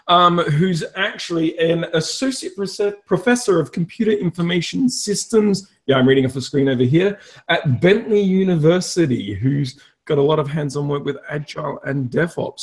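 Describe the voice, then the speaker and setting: A man hosting a relaxed interview, self-deprecating and chatty with many fillers. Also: fairly high pitch. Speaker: podcast host. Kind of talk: casual interview chat.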